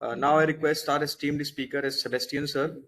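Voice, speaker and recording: A man's voice: a little high, steady tone, fairly quick, a bit bright. A man moderating an online lecture, speaking politely with frequent hesitations. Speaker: event moderator. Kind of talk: formal event hosting.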